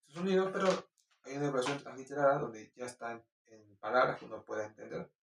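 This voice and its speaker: A man with a Peruvian Spanish accent, slowly reading Bible verses and commenting on them informally, with halting restarts. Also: medium pitch, animated, creaky. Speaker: Bible teacher. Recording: roomy echo, distant mic.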